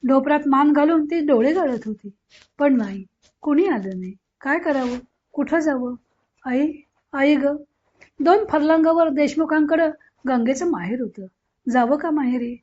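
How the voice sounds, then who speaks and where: A woman narrating a novel as an audiobook, in a measured, expressive reading. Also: high-pitched. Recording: dull lo-fi recording.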